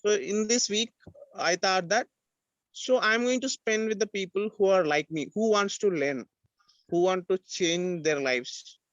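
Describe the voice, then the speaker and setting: A man's voice: high voice, unhurried, fairly bright tone, no room sound. A man taking part in an online workshop, polite and rambling, often saying "sir". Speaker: workshop participant. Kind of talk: casual chat. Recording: dull, dry audio.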